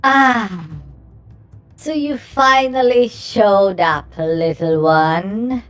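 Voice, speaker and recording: A woman voicing a gloating villain witch mother who taunts in a condescending, drawn-out way in a visual novel. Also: medium pitch, soft background music.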